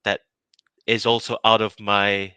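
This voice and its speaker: A man's voice: lowish voice, flat delivery, unhurried, pushed and bright, clean tone, no room sound. A man from Malaysia in his thirties, answering interview questions casually, with many fillers, restarts and easy laughs. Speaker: innovation project lead.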